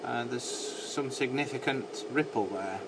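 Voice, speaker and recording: A repair technician at an indoor electronics workbench gives an unscripted, matter-of-fact technical demonstration. His voice is medium-pitched and a little slow. Recorded on a handheld camera in the workshop, the audio is noisy, with clear background noise.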